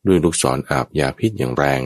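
A man's voice: rumbling low, fast, gravelly, exaggerated voice. A man voicing a brave young male traveler who warns a giant off with his bow in a told folk tale. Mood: defiant. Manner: defiant warnings.

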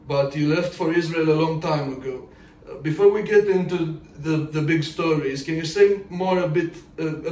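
A man's voice: a little high, a little mellow. A man hosting a podcast, who reads a scripted introduction and then asks questions with some fillers. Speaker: podcast host. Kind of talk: podcast interview. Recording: echoey room, distant mic, faint noise.

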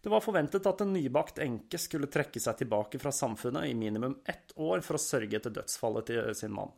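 A man's voice: mid-range voice, animated, creaky, a little mellow. Man narrating a history podcast. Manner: measured storytelling.

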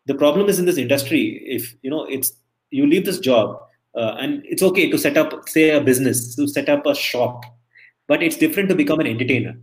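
A middle-aged man from India, an emcee and entertainer, speaks on the high side and a little fast. As a guest in a casual interview, he tells stories chattily and restarts often.

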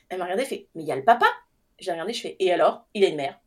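A woman's voice: fairly low pitch, racing. A young adult woman telling her own story in casual chat, acting out the voices in her quotes and laughing often. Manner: animated, acts out quoted dialogue, laughs often.

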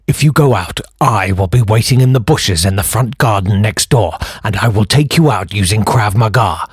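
A man doing a menacing government announcer in a disguised deep voice. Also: lively intonation, moderate pace, slightly rough. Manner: disguised deep voice, put on to sound as scary as possible. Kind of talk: spoof public announcement.

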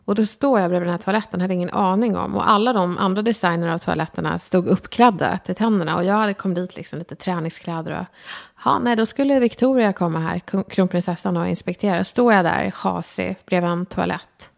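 A woman's voice: on the low side, creaky, hardly any pauses. A Swedish woman with a slight lisp and a faintly upper-class Stockholm accent, talking frankly and directly in a casual conversation. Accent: Stockholm, slightly upper-class tinge. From Sweden. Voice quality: slight lisp, speaks far forward in the mouth. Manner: direct, frank, self-deprecating. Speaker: guest, designer and lecturer.

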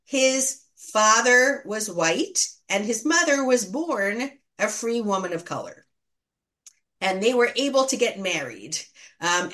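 Appearing as a guest in an academic interview, this history scholar and teacher explains things in a thoughtful, conversational, teacherly manner, revising herself along the way. Her voice sits at medium pitch with a fairly bright tone.

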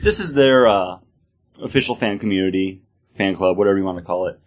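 A man's voice: deep voice, a little fast, lo-fi sound. A man with an American accent, a podcast co-host explaining things in an informal, enthusiastic way. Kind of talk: casual informative chat.

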